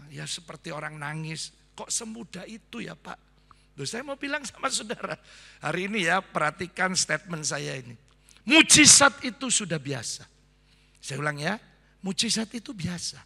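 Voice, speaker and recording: A male pastor preaching a sermon to a congregation, animated and acting out the voices in his stories. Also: high voice, vocal fry. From Indonesia. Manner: animated, acts out quoted voices, addresses the congregation as "saudara". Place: large church hall. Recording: long church-hall reverb.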